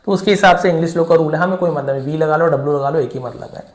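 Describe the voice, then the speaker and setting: Male teacher, slightly high voice, slow and repetitive classroom delivery, roomy echo. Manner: patient and repetitive, voices student questions himself. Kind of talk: classroom-style lesson. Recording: echoey room.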